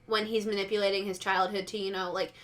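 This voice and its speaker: A woman talks through a TV show in a loose, rambling podcast chat. Her tone is bright and forward at a mid pitch. She leans on "like" and slips into little quoted reactions as she explains. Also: level tone, quick pace. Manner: rambling, heavy use of "like", acts out reactions in quotes. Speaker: podcast co-host. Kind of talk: casual pop-culture chat.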